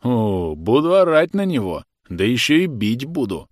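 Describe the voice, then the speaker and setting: A man doing a gruff, mocking workman. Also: mid-range voice, very animated, unhurried, no echo, clean studio sound, pitched above the performer's own voice. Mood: scolding. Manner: sardonic, blunt.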